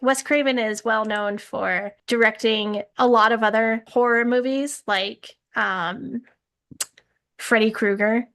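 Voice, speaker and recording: Woman chatting about a movie, slightly high voice, laughs a lot, asks her brother stuff. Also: fairly even intonation, slow, fairly bright tone. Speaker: host. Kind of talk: casual movie review chat.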